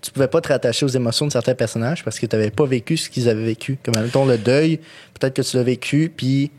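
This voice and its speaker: A man hosts a casual podcast interview. His voice is of middle pitch, and he asks long, winding questions and drifts into chatty anecdotes. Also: fast talker, darkish tone, a little hiss or hum. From Longueuil, Quebec. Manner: rambling, chatty storytelling. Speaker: podcast host.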